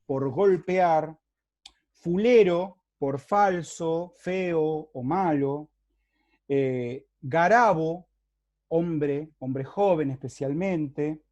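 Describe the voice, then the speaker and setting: Rioplatense guy lecturing slow, kinda high voice, lots of eh and tags. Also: a little mellow, lo-fi sound. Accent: Rioplatense Spanish. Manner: explanatory, checks understanding with frequent rhetorical tags; unhurried, with hesitant fillers and restarts. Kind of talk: university lecture.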